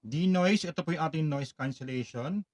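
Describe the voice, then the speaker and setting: A man giving a product walkthrough tutorial, polite and explanatory, pausing now and then on fillers. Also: on the high side, a little mellow, no room sound. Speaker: product demonstrator.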